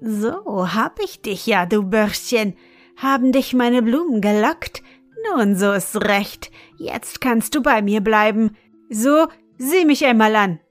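An evil old wizard who lures children, gloating and coaxing in a slow, unhurried storybook telling, as a woman reads him out. The voice sits in a middling register and is recorded close and dry, with soft music faintly behind it. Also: fairly high pitch, lively intonation, no echo.

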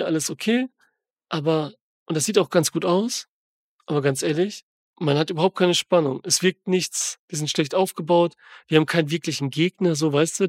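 A podcast co-host reviewing a film rants in a casual chat, rambling and slangy with lots of fillers. His voice is fairly high-pitched, with no echo and studio-quality sound.

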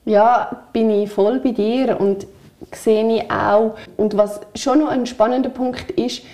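A woman with a Swiss German accent co-hosts a relaxed podcast conversation. Her voice sits fairly high but sounds soft and warm. She speaks candidly and strings her thoughts together in long, winding clauses. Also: slow pace. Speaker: podcast co-host. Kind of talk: reflective casual chat.

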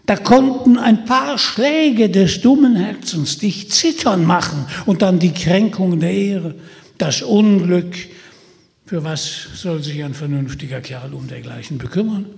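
Guy putting on a sly jeering forest spirit, loud and high, taunting, reverby hall sound. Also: unhurried, gravelly. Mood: mocking. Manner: mocking, persuasive, jeering. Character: scheming sly male forest spirit tempter.

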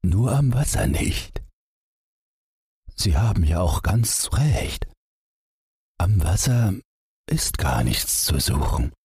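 A man voicing a worried, kindly middle-aged father in a storybook reading, speaking in a gentle, musing way. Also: low voice, big pitch swings, takes it slowly, creaky, pauses often, husky, no echo, studio quality, pitched above the performer's own voice, heavily acted.

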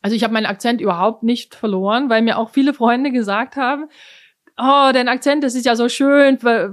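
The middle-aged cellist from eastern Germany, an orchestra player and interview guest, talks a little fast in a slightly high voice. Her casual answers are reflective and punctuated by fillers and fresh starts.

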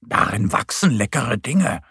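A man voicing a kind little bear cub in a children's audio story, slow and hesitant. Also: medium pitch, very animated, fairly bright tone, breathy edge, dry recording, clean studio sound, full character voice. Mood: reassuring.

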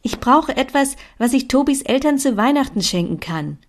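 A woman's voice: high-pitched, expressive, moderate pace, pitched above the performer's own voice. A woman putting on a bossy young friend. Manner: pushy, urging, lecturing.

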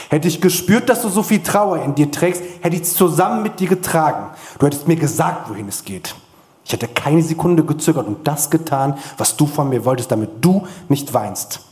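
Guy reading his own book out loud at a lit event, kinda high voice, slow and earnest w lots of pauses. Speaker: author reading at a literary evening. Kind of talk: reading aloud from his own book, then answering questions. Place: literary event before an audience.

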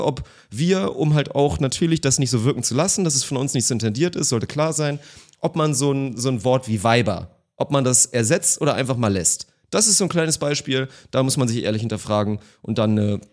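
A man co-hosting a casual podcast, talking at a rapid clip. He argues his point with animated rhetorical questions, and his voice sits at an average pitch. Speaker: podcast co-host.

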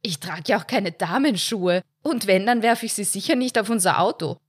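A woman's voice: on the low side, normal speed, natural voice. A woman reading the lines of a nervous middle-aged husband who dodges questions and jokes to cover a secret. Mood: evasive. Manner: pressed, evasive, forced joking.

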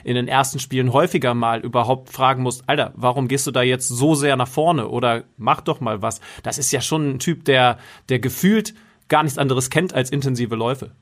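A man's voice: medium pitch, a little fast. A man co-hosting a football podcast, asking the guest questions with curiosity and a few restarts. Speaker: podcast co-host. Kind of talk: casual podcast interview.

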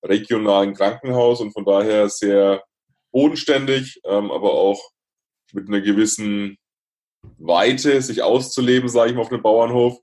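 Guy in his 30s, guest on a podcast, kinda low voice, thinks out loud. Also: fairly even intonation, normal speed. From Franconia, Germany. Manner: reflective, hesitant with restarts. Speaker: guest speaker. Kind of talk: podcast interview.

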